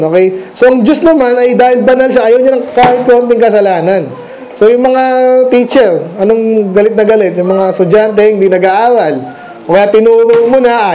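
High-voiced man preaching a conversational sermon. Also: moderate pace, mellow, slight background noise, poor audio. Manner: conversational, asks the congregation questions; mixes English phrases into his speech. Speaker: pastor. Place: church sanctuary.

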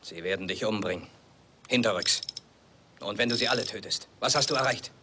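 An actor playing a solemn Native man who speaks in measured words, in a film dub. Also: on the low side, heavy background noise, lightly acted. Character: Native man, grave brother of the hero.

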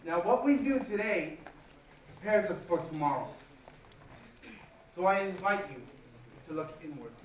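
A man delivers a formal motivational address on stage with a high-pitched voice. His delivery is slow and rehearsed, broken into measured phrases with weighty pauses. The big hall around him echoes heavily. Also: lively intonation. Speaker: guest speaker at a speech competition. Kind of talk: formal motivational speech, public oratory. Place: large auditorium stage, indoors. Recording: very echoey hall, distant, faint noise.

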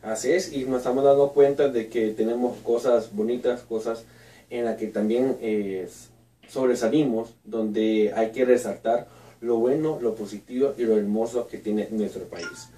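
Male radio host, soft dark tone, echoey distant studio sound. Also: medium pitch, fairly even intonation, moderate pace. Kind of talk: hosting an interview. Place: small radio studio with red wall. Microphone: boom mic at a desk, headphones on. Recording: echoey room, voice picked up from afar.

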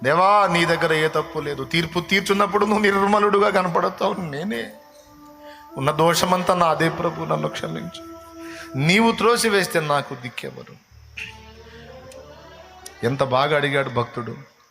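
Passionate male preacher, high bright voice over soft music, pleading then hushed. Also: normal speed, vocal fry, long pauses. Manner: impassioned, swings between loud pleading and hushed tones. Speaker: pastor. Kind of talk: sermon.

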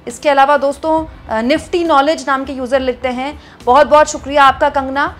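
A woman's voice: high voice, fairly even intonation, fairly quick, a bit bright, faint music behind. A woman commentating on political news, reading out viewer comments and chatting to her audience as friends, with frequent hesitations.

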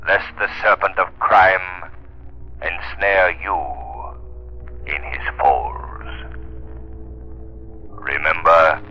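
An actor playing a sinister, mocking avenger, delivering ominous theatrical warnings in a 1930s radio drama. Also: male voice, low-pitched, sharp tone, heavily acted. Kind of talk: 1930s radio acting, slow theatrical monologue. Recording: muffled 1930s radio, faint music.

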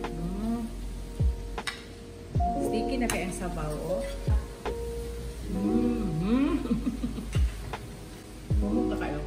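A Filipino woman in her fifties with a Cebuano accent, casually talking through a home recipe in her kitchen, explaining each step in a relaxed, chatty way. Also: medium pitch. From Philippines. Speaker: home cook. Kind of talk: casual cooking vlog narration. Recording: distant camera mic, music underneath.

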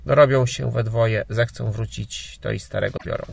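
A man voicing a gruff but kind older emigrant gentleman in a storybook, talking brusquely and grumbling. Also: mid-range voice, steady tone, normal speed, a little hiss or hum. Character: gruff, kindly old Polish emigrant gentleman.

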